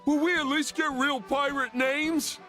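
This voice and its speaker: A man's voice: very high-pitched, fairly even intonation, a little slow, pushed and bright, faint music behind, full character voice. A man voicing a dim, childishly demanding cartoon starfish in a video game, whiny and literal-minded.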